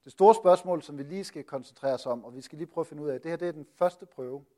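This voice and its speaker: A man's voice: on the high side, warm tone. A man with a slightly raised voice gives a Bible teaching. He keeps asking rhetorical questions and stops often with hesitant fillers. He sounds like a preacher explaining a passage to his listeners.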